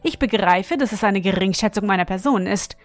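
A woman voicing a haughty, easily offended male dung beetle in a storybook tale, quick and indignant. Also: mid-range voice, dry recording, close to an everyday voice. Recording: faint music behind.

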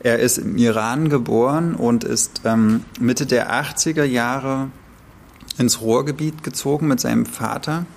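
A man in his thirties co-hosting a literary podcast, talking in a relaxed, chatty way with many fillers. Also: mid-range voice, unhurried, creaky. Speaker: podcast co-host. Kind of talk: casual literary chat. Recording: faint background hiss.

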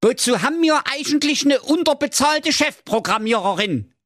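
A man voicing an excitable, foul-mouthed fairy-tale brother in a Saxon accent, yelling in a frantic manner for a comic audio story. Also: on the high side, a little slow, no room sound, clean studio sound, voice pushed up. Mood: panicked. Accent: Saxon German.

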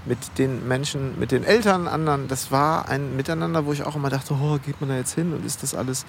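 A man's voice: medium pitch, a little fast, vocal fry, a little hiss or hum. A man in his forties from Germany, hosting a casual podcast conversation, talking in a chatty way with hesitant restarts. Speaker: podcast host.

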